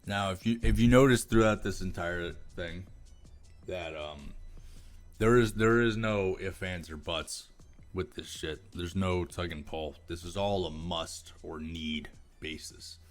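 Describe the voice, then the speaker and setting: A deep-voiced American man speaks at a measured pace over soft background music, giving opinionated video commentary. He reads aloud and responds with profane, sarcastic disdain.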